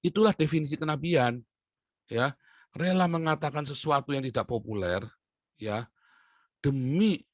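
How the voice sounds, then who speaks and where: A man delivering an impassioned monologue to his viewers, swinging between loud outbursts and low muttering. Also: no echo, studio quality. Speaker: online commentator.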